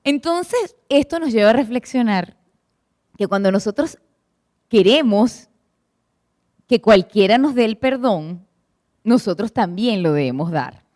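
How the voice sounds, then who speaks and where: A woman's voice: a little high, animated, measured pace, pauses often, a little mellow, no echo, clean studio sound. A woman preaching to a church congregation, asking them questions and retelling stories expressively. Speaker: church speaker at a prayer meeting.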